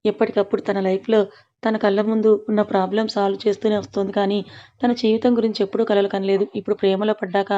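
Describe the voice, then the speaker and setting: A woman's voice: mid-range voice, little pitch movement, fast talker, warm tone, highs cut off. A woman telling a serialized story, reading the characters' lines inside her narration. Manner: reads dialogue inside plain narration.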